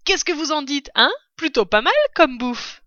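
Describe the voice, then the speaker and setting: A woman's voice: a little high, animated, unhurried, bright, forceful tone, dry recording. A woman voicing a proud, cunning male fox father in a storybook reading, with an exuberant, bossy, theatrical manner, on a dull lo-fi recording. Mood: delighted.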